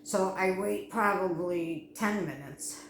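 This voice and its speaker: A woman's voice: on the low side, slow, slight background noise. A middle-aged woman vlogging casually, anxious and rambling, restarting her sentences often. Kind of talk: casual personal vlog. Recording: echoey room with faint ambience.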